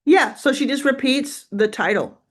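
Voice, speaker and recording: A woman with a high voice speaking at normal speed hosts a casual livestream offering business coaching. She's chatty and encouraging, giving feedback and thinking aloud.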